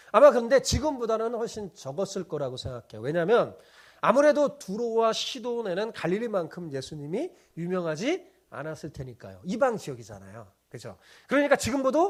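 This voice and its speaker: A man's voice: high voice, big pitch swings, fairly quick. A man preaching a sermon as pastor. He often asks the congregation questions, answers them himself, and keeps checking in with a tag question.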